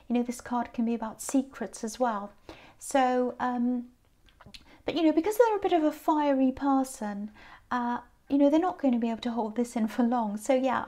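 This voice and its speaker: A tired woman with a croaky voice, giving a casual tarot card reading in a gentle, reflective way. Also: fairly high pitch. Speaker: tarot reader.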